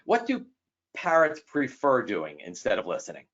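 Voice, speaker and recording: Here a man lectures a guest on personality styles, dramatizing the figures in his stories; quoted lines come out with fast jumps in pitch, all in an animated manner. Sound quality is dull and lo-fi.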